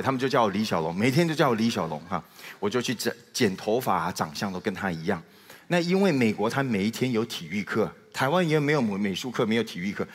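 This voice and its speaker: A man's voice: mid-range voice, slightly rough. A middle-aged man from Taiwan with a Taiwanese Mandarin accent, telling a humorous personal testimony as a guest speaker and acting out the dialogue with comic timing. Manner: animated storyteller with comic timing, acts out dialogue. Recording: reverberant hall.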